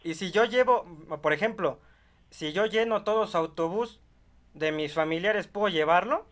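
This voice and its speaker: In a small indoor bedroom studio, a young man with a high, slightly bright voice at normal speed improvises a prank call. He plays a stubborn, grumbling older rural rancher attached to his donkey, pleading insistently in a hesitant, folksy, repetitive way.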